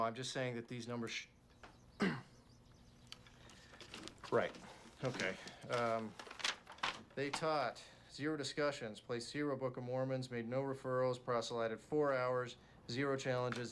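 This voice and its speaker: A man's voice: mid-range voice, steady tone, a little slow, long pauses, a little hiss or hum, lightly acted. A young man playing an easygoing, peacemaking missionary who speaks matter-of-factly. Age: young adult.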